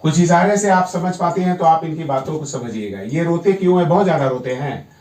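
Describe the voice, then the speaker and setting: A man's voice: fairly high pitch, animated, fairly quick, a little mellow. A man working as a yoga therapist, firmly coaxing a patient at home and repeating his encouragement. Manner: firm, coaxing, repeats himself. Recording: echoey room, mic at a distance.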